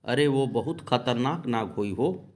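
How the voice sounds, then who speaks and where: A man's voice: mid-range voice, expressive, measured pace, darkish tone, close to an everyday voice. A man voicing an elderly village holy man who chides his followers fondly in rustic dialect. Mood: homely chiding. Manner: rustic dialect speech, homely and scolding.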